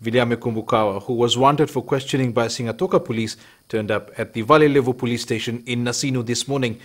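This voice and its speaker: A man's voice: medium pitch, steady tone, fast talker. A man reading scripted news as an anchor.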